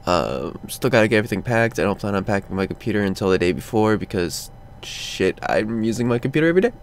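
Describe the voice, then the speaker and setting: A man's voice: on the low side, animated, fast talker, a little hiss or hum. Sleepy young guy rambling in a vlog. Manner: drowsy and rambling, lots of ums and sighs. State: sleepy, just woke up. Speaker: vlogger. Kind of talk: casual update vlog. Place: cold room at home, under a blanket.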